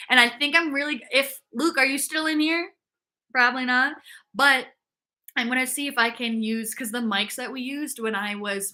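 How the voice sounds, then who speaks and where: Hosting a laid-back fitness livestream, this young woman speaks in a mid-range voice that sounds pushed and bright. She keeps things upbeat, reading out viewer comments and saying "like" a lot.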